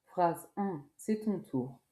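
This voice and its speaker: A woman's voice: lowish voice, expressive, slow pace, mellow. A woman with a French accent teaching a scripted language lesson, speaking carefully and repeating example phrases.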